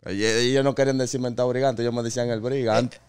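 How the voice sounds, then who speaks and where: A man's voice: medium pitch, little pitch movement, very fast, a little mellow, clean tone, dry recording. A man co-hosting a podcast, telling a story in a laid-back casual way.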